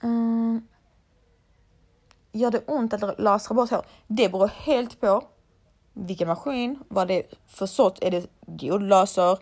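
A woman's voice: medium pitch, darkish tone. A young woman, a laser hair removal technician, chatting casually and bluntly to her followers and swearing freely.

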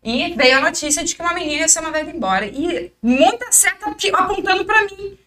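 Woman fighter, interview guest; high, bright voice, animated storyteller who acts out quotes. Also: fairly quick.

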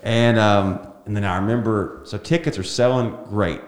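A man's voice: lowish voice, normal speed. A man, a comedian telling a long story in an interview and acting out what people said. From Alabama. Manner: animated storyteller, acts out quotes. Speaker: comedian guest. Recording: roomy echo.

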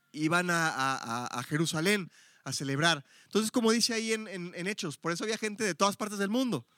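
A middle-aged Bible teacher from Mexico City, speaking with a Mexico City Spanish accent, gives a chatty, explanatory church lesson full of fillers and self-corrections. His voice is high-pitched, bright and forceful. The recording is dry and studio quality.

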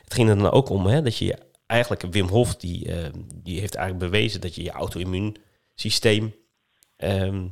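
A man's voice: sits low, moderate pace, vocal fry. A man with a Dutch accent from the Netherlands talking in an explanatory way in a casual podcast discussion, often adding tag words to seek agreement.

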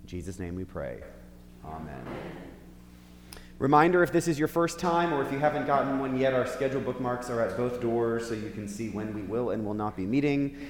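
Speaking in a mid-range voice with fairly even intonation, this preacher moves quickly and barely pauses. He's leading a Bible class in a large, echoey hall, chatting informally and quizzing the group. The recording carries long reverb and a faint hum.

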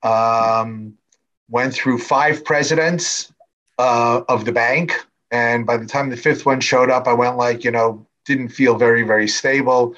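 Middle-aged man, personal story for an audience, chatty with fillers and restarts, wry humor, medium pitch, slightly muffled recording. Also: steady tone, a little slow, fairly bright tone. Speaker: speaker telling his story to an audience. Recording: slightly dull, muffled sound.

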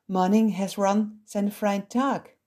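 A woman's voice: medium pitch, steady tone, slow, warm tone, voice pushed up. A woman voicing a showy young circus girl who speaks with a put-on American accent and mixes broken English into German. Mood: bubbly.

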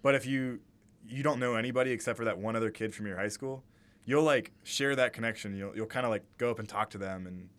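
Fast-talking young American man, low voice. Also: a bit bright. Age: young adult. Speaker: podcast co-host. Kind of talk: casual chat.

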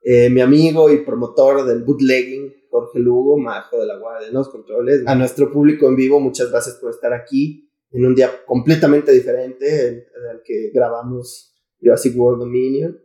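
Mellow-voiced Mexican man, laddish and profane. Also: mid-range voice, fairly even intonation, moderate pace. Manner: slangy, profane, irreverent laddish banter. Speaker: podcast host. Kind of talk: casual comedic podcast chat. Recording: echoey room.

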